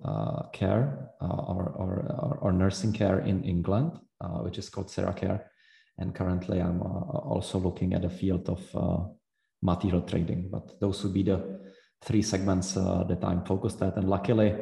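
A man in his late thirties with a Czech accent, a podcast guest who talks in a measured way with many hesitant fillers. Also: low-pitched, creaky, warm tone. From Czech Republic. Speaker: guest entrepreneur. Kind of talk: podcast interview. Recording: roomy echo.

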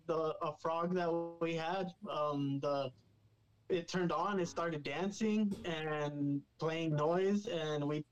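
High-voiced man, dull lo-fi audio. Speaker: guest paranormal investigator. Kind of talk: casual bilingual storytelling.

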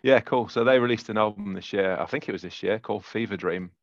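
A man's voice: on the low side, quick pace, no echo, dull audio. A man with a Yorkshire accent chatting casually as a podcast co-host, rambling through his picks with many fillers and bursts of laughter. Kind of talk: casual chat.

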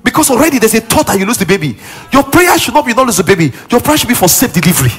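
A man's voice: very high voice, very animated, rapid-fire, soft background music. A male pastor preaching a sermon with emphasis, repeating key lines and acting out what people say.

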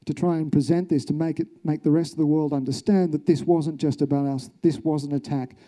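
Australian man, journalist, reflective talk, slightly raised pitch, very dark mellow timbre. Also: fairly even intonation, brisk. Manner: earnest, reflective, rhetorical questions. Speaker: journalist, speaker. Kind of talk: recounted personal story, public talk.

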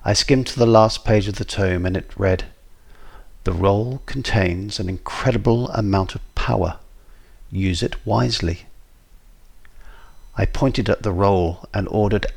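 A man narrating a children's story with lively expression. His voice is deep and gravelly, with a husky edge. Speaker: guest narrator. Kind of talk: storybook reading.

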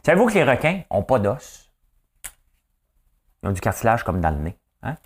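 A man's voice: medium pitch, huge pitch swings, normal speed, slightly rough. A male host with a Quebec French accent, running a chatty trivia monologue that keeps tossing in "hein?" and slipping into English phrases.

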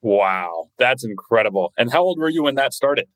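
A man's voice: mid-range voice, animated, normal speed, fairly bright tone, no room sound, rough recording. A man hosting an interview podcast, upbeat and asking short follow-up questions. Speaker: podcast host.

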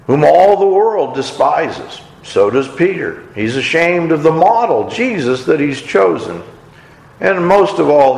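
A man's voice: medium pitch, vocal fry. A man preaching a sermon, retelling a story and briefly acting out the characters' lines with expression. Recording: echoey hall.

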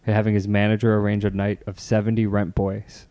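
A man's voice: on the low side, completely flat delivery, a little fast, mellow. A man in his thirties hosting a casual podcast chat, telling rambling stories with lots of fillers. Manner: rambling, laid-back storytelling with many fillers. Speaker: podcast host.

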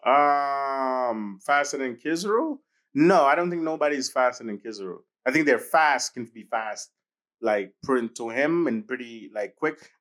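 A man's voice: mid-range voice, expressive, a little slow, fairly bright tone. A man co-hosting a casual podcast chat, emphatic and profane, often restarting his sentences. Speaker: podcast co-host.

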